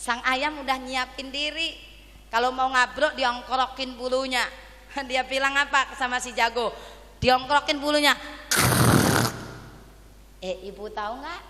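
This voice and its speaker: Woman preacher, East Javanese accent, bright and higher-pitched, heard in a long echoing hall. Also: moderate pace. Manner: animated, keeps asking the audience to answer. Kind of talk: lively religious sermon. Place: graduation ceremony venue.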